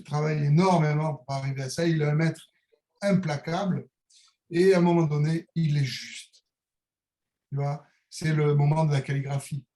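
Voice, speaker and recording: A middle-aged calligrapher with a Niçois French accent, appearing as an interview guest, reflects aloud in a conversational monologue. His mellow voice sits a little high for a man, and the room is echoey. Searching, hesitant and philosophical, he feels his way through each idea with pauses, many fillers and restarts.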